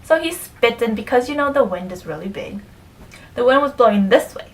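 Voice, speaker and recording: A young vlogger talks casually to camera about her pet peeves, chatty and full of fillers, sometimes dropping to a near whisper. Her voice is a little high, animated, and fairly quick, captured from a distance in a rough recording.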